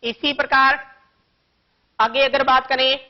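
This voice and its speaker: A woman with a high voice teaches a grammar lesson for young children. She speaks slowly and patiently, working through one example after another. The recording sounds dull and lo-fi. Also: fairly even intonation. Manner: slow, patient explaining with many examples.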